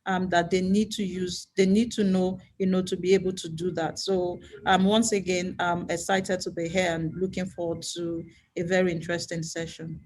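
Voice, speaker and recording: A woman's voice: fairly low pitch, level tone, normal speed, hardly any pauses, a little mellow. A woman from Nigeria speaking as a panelist on a video call, hesitant and full of ums. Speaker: panelist, bank security chief. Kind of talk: panel conversation.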